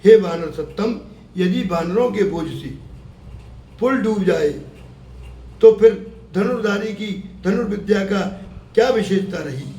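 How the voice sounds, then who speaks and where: A man's voice: high-pitched, lively intonation, measured pace, pauses often, warm tone. A man voicing a boastful male warrior archer in a devotional tale, speaking in a challenging way. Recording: echoey room, mic far off, faint hum.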